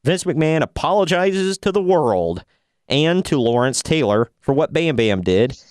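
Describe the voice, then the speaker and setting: A man's voice: on the high side, very animated, a little slow, no echo, studio quality. A man co-hosting a podcast, giving a sarcastic, rambling recap in casual chat. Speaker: podcast co-host.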